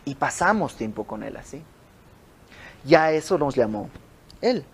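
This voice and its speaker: A man's voice: a little high, unhurried, breathy edge. A young man with a Mexican accent leading an informal Bible study in a house, teaching in a conversational way and acting out the stories. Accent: Mexican Spanish. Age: young adult. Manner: conversational, animated storytelling with quoted dialogue. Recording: home recording with audio flaws.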